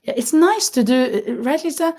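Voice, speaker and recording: High-pitched and expressive, with a darkish tone and moderate pace, this woman speaks English with a non-native accent. On her casual crochet live stream she chats loosely with viewers, laughs a lot and pauses to search for words.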